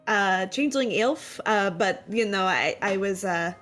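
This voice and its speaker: A woman's voice: mid-range voice, unhurried, a bit bright, soft background music. A woman playing a tabletop game, explaining her character in a hesitant, rambling way. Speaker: player. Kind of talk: casual tabletop chat.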